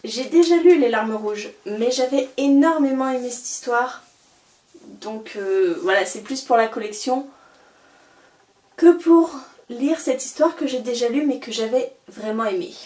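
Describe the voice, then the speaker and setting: A chatty young woman talks eagerly through her new books, her voice sitting a bit high. She is set back from the mic in an echoing room. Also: unhurried, warm tone. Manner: chatty, enthusiastic, many fillers. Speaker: book vlogger. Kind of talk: casual book haul vlog. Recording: roomy, a little far from the mic.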